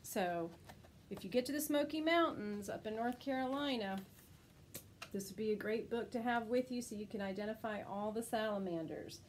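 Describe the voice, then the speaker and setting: On poor audio with a faint hiss or hum, a woman teacher whose voice is a little high reads a rhyming kids' picture book at normal speed. She narrates expressively and pitches her voice up for each character's lines.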